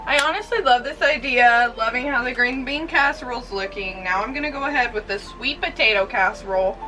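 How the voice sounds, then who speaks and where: A young American woman chatting casually to viewers inside a small trailer, upbeat and informal, thinking out loud. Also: a little high, a little fast, over music, poor audio. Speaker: vlogger.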